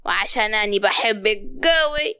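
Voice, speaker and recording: A woman's voice: mid-range voice, lively intonation, moderate pace, pushed and bright, clear, resonant tone, dry recording, clean studio sound. An actress playing a harsh, bossy older mother-in-law with an Upper Egyptian accent, scolding and giving orders. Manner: scolding, commanding.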